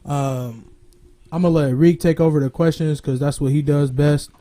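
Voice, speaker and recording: Young male host, higher-set voice, off-the-cuff casual streaming talk. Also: fairly even intonation, normal speed, warm tone. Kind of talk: casual live stream chat.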